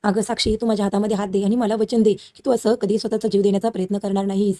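A woman's voice: mid-range voice, flat delivery, rapid-fire, mellow, natural voice. Woman voicing a coaxing worried father. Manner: coaxing, reassuring. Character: worried middle-aged father comforting jailed daughter.

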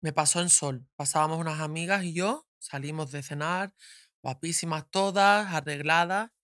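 A woman guest, speaking frankly and openly in a studio conversation, often slowing down to reflect. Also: deep voice, a bit bright, dry recording. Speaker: guest, actress. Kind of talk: candid personal conversation. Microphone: studio mic.

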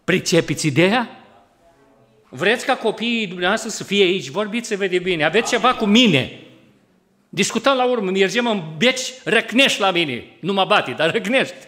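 A man with a Romanian accent preaching a sermon in a church. He talks in a lively way, gets loud to drive points home and acts out everyday quarrels in a colloquial voice. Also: high-pitched. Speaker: pastor. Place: church hall.

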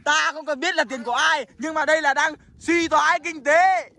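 A performer voicing a brash young male skeleton who lectures his friends and shouts at them in a cartoon skit. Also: high voice, fairly even intonation, normal speed, vocal fry, exaggerated voice. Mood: lecturing. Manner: scolding, lecturing, bursting into shouts.

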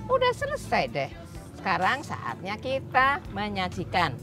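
Woman cooking-show host, outdoors, lapel mic, lively pitch, music playing behind. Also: measured pace. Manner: chatty, instructive, keeps addressing the audience as "Bu". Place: outdoor street cooking stage.

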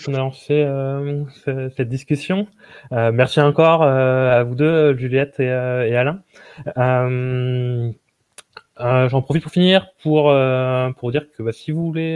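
A young man hosting and moderating a video call discussion from a small room at home. He talks hesitantly and fills his sentences with many pauses and fillers. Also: medium pitch, darkish tone, clear, resonant tone, no room sound. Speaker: host and moderator.

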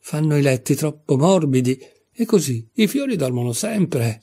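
Haughty, scolding tiger lily flower, read by a man, dark husky voice, storybook tone. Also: fairly high pitch, sing-song, moderate pace, voice pushed up, full character voice.

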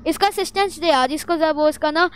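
A woman chatters through horror gameplay in a high, bright register. She is excitable and jittery, bursting into loud exclamations as she plays. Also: brisk. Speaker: gaming vlogger. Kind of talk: Roblox horror gameplay commentary.

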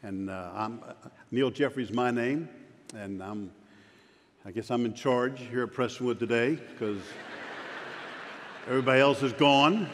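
A pastor in his fifties who stutters gives a joking, self-deprecating sermon on the stage of a large church sanctuary, in a measured, slightly bright mid-range voice that pauses often. Long hall reverb and faint room noise surround him.

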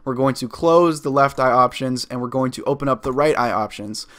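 Upbeat young man teaching editing software. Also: mid-range voice, a little fast. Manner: upbeat, instructive, walks through each click step by step. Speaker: video editing tutor. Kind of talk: screen-recorded software tutorial.

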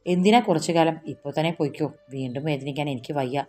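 A woman's voice: deep voice, fast talker, dark tone, soft background music. A woman voicing a tearful shy young wife. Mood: pleading.

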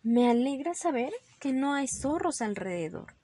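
A woman's voice: high-pitched, very animated, warm tone, slightly rough, voice pushed up, exaggerated voice. A woman voicing a bossy mother rabbit, firm and scolding, in a storybook read-aloud. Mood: gentle. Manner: firm and scolding, quick to alarm.

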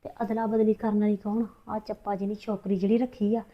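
A woman's voice: medium pitch, flat delivery, close to an everyday voice. An actress playing a scheming middle-aged mother, with a Punjabi accent, speaking defensively and evasively. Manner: defensive, talks fast and evasive. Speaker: mother in a family drama. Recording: dull lo-fi sound.

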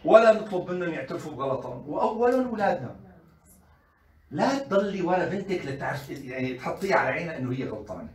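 A man giving an animated colloquial lecture on parenting to mothers, full of rhetorical questions and acted-out quotes. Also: a little high, quick pace. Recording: echoey room, voice from a distance.

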